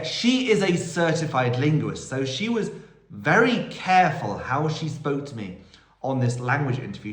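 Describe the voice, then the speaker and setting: Male host, casual Q&A monologue, chatty storyteller, phone audio with room echo. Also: medium pitch. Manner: chatty, rambling storytelling with quoted dialogue. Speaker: vlog host answering viewer questions. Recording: roomy echo.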